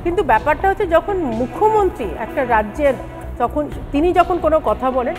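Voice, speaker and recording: A woman's voice: sits high, lively intonation, a little fast, over music. A woman party spokesperson on a TV debate panel, speaking emphatically and slipping English phrases into her argument.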